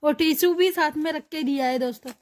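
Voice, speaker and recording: A woman's voice: high-pitched, fast, no room sound. A young woman food vlogger chatting enthusiastically to her viewers while reviewing a rooftop restaurant, filmed on a handheld phone. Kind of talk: casual restaurant review vlog. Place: rooftop restaurant at night, outdoors.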